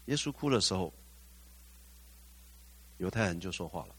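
A man's voice: low-pitched, animated, moderate pace, fairly bright tone, husky. A male pastor preaching a sermon, putting questions to the congregation, slipping in English phrases and rising to fervent exclamations.

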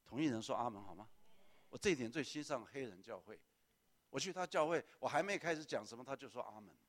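A man preaching a sermon as pastor, lively and often calling on the congregation to answer, with English words mixed in. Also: mid-range voice, quick pace.

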